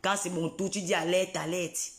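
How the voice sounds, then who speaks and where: A taunting man, ranting straight into a live video. His voice sits fairly high for a man. He repeats his jabs over and over in an echoey room. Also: level tone, moderate pace. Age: 40s. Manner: taunting, repetitive, mocking.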